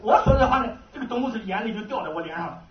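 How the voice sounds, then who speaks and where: High, lively man preaching from afar. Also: racing. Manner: animated storytelling, often laughing. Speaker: preacher giving testimony. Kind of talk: testimony sermon. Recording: dull, echoey, from far off.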